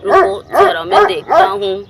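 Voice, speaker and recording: A woman voicing an alert, brave male neighbor in a doll story, talking loudly and excitedly. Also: mid-range voice, unhurried, a loud crowd. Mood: firm. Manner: shouting alarm, excited.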